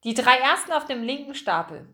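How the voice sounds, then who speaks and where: A jittery woman shop helper, as a woman reader puts her on in a children's audiobook. Her voice is high, shaky and a little shrill. She sounds nervous and eager to be believed. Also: expressive, fairly quick, pushed and bright. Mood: pleading.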